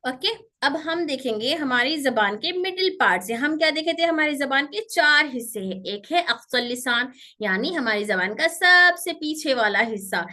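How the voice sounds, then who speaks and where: A woman teaching pronunciation to children, explaining slowly and drilling sounds by repeating them, strict when pupils misbehave. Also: high voice, lively intonation, sharp tone. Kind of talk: online Quran pronunciation lesson.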